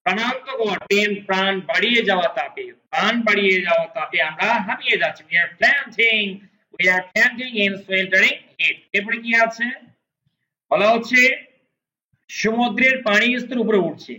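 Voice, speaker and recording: Male English tutor, high bright voice, slow repeated phrases, roomy echo. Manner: explains slowly, repeating English words and translating each. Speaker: English teacher. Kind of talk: spoken English lesson. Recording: echoey room.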